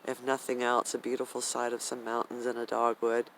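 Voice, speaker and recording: Older American male, medium pitch. Blunt, emphatic outdoor vlogger with drawn-out pauses, faint wind noise behind. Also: monotone, fairly bright tone, poor audio. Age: 60s or older. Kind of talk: rambling personal vlog talk. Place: outdoors in a garden swing in the wind. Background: wind and outdoor ambience.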